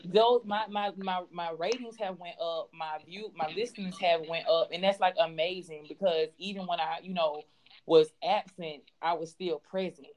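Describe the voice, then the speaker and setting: Woman in her 20s, podcast host, lower register, loose playful chat. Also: fairly even intonation, normal speed, a little mellow. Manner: playful, chatty, lots of fillers and laughs. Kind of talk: casual chat.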